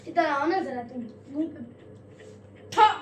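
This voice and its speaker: A woman teaching an Urdu class, scolding students strictly and reading verse lines slowly. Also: high voice, echoey room, distant mic, a little hiss or hum. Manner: slow drawn-out verse reading. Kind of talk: classroom lesson.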